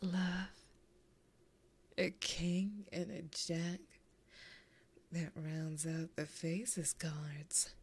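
Right up at a close binaural microphone, a woman plays a seductive demon in an ASMR roleplay, whispering in a soft, breathy voice on the low side and stretching her words out extremely slowly. In full character, she is smug, flirty and possessive, taunting the listener with intimate teasing.

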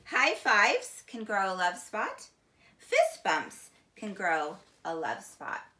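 This is a children's picture book read-aloud by a middle-aged female teacher seated on a couch in a small room. She tells it slowly, deliberately and expressively in a crisp, bright, slightly low voice, recorded from a camera a few feet away with echoey room sound.

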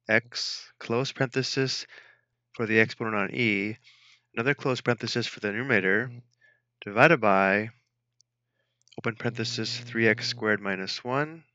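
A man narrating a math tutorial as an instructor, dictating each entry step by step in a measured way. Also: lowish voice, sharp tone, no room sound, highs cut off.

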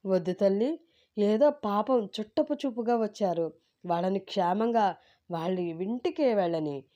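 A woman's voice: medium pitch, a little slow, dark tone, dull audio, lightly acted. A woman voicing a fussy, doting mother-in-law. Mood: coaxing. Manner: fussy and fondly protective. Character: fretful middle-aged mother-in-law, doting. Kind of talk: storybook narration.

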